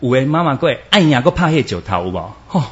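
Male preacher, very animated sermon delivery that drops in Hokkien, dull lo-fi sound. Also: mid-range voice, fast. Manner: animated, acts out quoted voices, mixes in Hokkien words. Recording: dull lo-fi recording.

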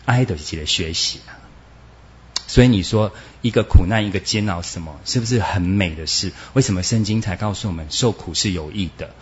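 A man preaching a sermon, animated and acting out quoted voices, with Hokkien words mixed in. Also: deep voice, brisk. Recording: dull lo-fi recording.

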